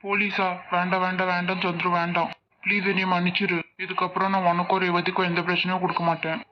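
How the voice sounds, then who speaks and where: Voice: mid-range voice, little pitch movement, fast talker, natural voice. A voice actor doing a whiny, begging thug boss. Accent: Tirunelveli Tamil. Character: pleading male thug boss, cowardly. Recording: dull lo-fi audio with hiss.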